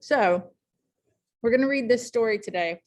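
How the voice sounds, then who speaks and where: A woman teaching a high school English class in a casual, chatty way, full of ums and likes, speaking in a classroom. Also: normal speed, a little mellow. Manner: chatty, many fillers like um and like.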